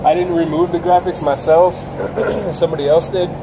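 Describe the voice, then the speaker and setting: A man in his thirties, a vinyl wrap installer, explaining his work in a relaxed, plain way in a large RV service shop. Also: on the high side, moderate pace. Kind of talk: casual interview answers. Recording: noisy shop background.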